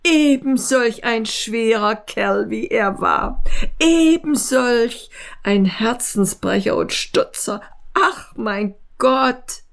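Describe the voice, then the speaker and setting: A woman voicing a thin, excitable, chatty man who gushes and fawns over an old school friend in a read-aloud story. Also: on the high side, slow pace, gravelly, voice pushed up, full character voice. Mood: excited. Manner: gushing, fawning, talkative.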